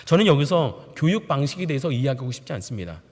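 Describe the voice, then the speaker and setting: A man in his thirties preaching a sermon as pastor, telling stories with lively animation and acting out the voices of children and parents. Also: mid-range voice, fast. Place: large church sanctuary. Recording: reverberant church sanctuary.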